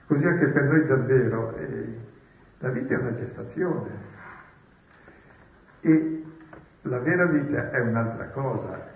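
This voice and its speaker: A man's voice: medium pitch, a little slow, vocal fry, pauses often. Distant-sounding man preaching on scripture. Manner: rhetorical questions, wry humour. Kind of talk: spoken Bible commentary. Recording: roomy, distant and dull.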